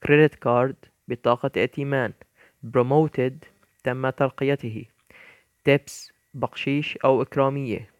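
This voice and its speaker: A man teaching English vocabulary, reading each English word and then its meaning in a measured way, with a few stumbles as he corrects himself. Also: medium pitch, steady tone, no room sound. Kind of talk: bilingual vocabulary lesson, reading word lists.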